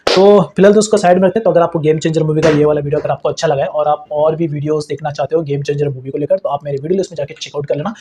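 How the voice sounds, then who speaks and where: A man's voice: on the high side, fairly even intonation, racing, few pauses, dark tone, slight background noise. A man giving his casual opinion, rambling and breaking off mid-word. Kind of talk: casual chat.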